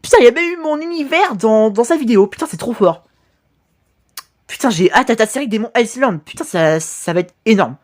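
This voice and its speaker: A reaction video host, a woman, gushes as an excited anime fan in casual commentary full of swearing and slangy exclamations. Her voice is a little high and her pace brisk.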